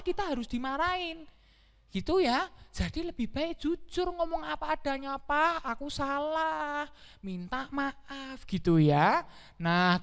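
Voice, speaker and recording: Woman, Sunday school talk for kids, high voice, long hall reverb. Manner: animated, coaxing, asks children questions. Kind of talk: children's sermon.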